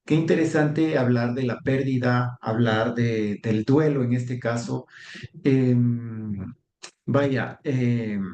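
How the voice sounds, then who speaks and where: A man's voice: mid-range voice, slow, a little mellow, roomy sound, highs cut off. A man hosting a live interview, speaking casually with hesitant fillers. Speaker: host.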